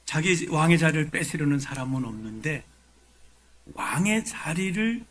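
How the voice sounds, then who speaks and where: A man preaching a sermon in a conversational way, rising to forceful emphasis at key points. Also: on the high side, expressive, moderate pace, poor audio. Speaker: pastor. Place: church sanctuary.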